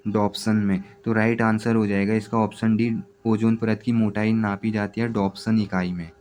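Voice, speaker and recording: Flat-voiced man reading exam answers. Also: on the low side, moderate pace, soft background music. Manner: steady, repetitive question-by-question reading. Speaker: exam prep teacher.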